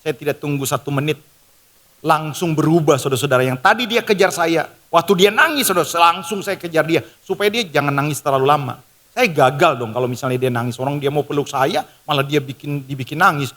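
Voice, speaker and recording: Worship music and long church-hall reverb surround a pastor whose voice is a little high, a bit bright, and slightly fast. He preaches emphatically and fervently in a large church hall, speaking straight to the congregation.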